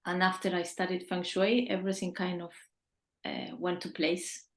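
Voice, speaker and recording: A woman in her fifties from Chile, a feng shui consultant, answers questions earnestly and casually as a video-call interview guest, restarting briefly at times. Her voice runs on the low side with a flat delivery at normal speed, and the sound is reverberant.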